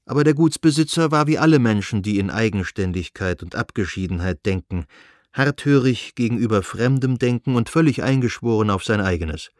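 Measured male audiobook narrator. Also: on the low side, expressive, no room sound, studio quality. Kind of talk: scripted narration.

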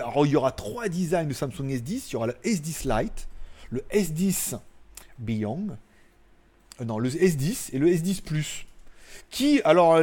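A man from France, his voice on the high side and darkish, runs a live-streamed tech news show at home. The talk is loose and rambling, with joking, crude asides and plenty of laughter.

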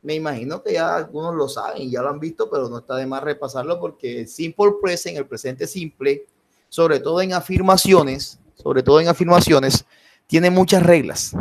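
A man's voice: fairly high pitch, normal speed, creaky. Man teaching an English class. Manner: mixes Spanish and English, checks in with students. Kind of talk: live online class.

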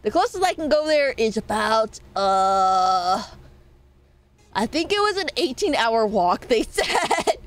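Pitched a little high with big swings, a nasal young woman streams as a VTuber. Her chat with viewers is casual, playful and rambling, broken up by quick laughs and swearing.

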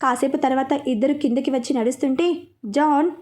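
A woman storyteller reading the narration of a serialized romance story in a steady, plain way. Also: high-pitched, normal speed.

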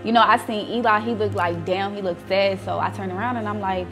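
A woman's voice: mid-range voice, fairly even intonation, a little fast. A woman giving a reality show confessional, animatedly retelling a clash with quoted dialogue. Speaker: reality show cast member. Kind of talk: confessional interview. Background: music.

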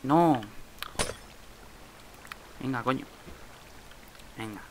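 A young man with a Spain Spanish accent talks through a Minecraft session in an unhurried, gravelly voice with a bright, sharp edge. He mutters to himself and swears at the lag as he plays. A faint hiss sits under the recording. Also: medium pitch, rough recording. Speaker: Minecraft let's player. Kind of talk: casual gameplay commentary.

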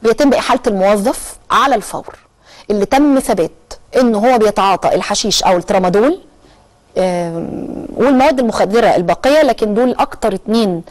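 A woman with an Egyptian accent hosting a televised current-affairs show, explaining at length with frequent drawn-out hesitations. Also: mid-range voice, a little mellow. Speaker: TV talk show host.

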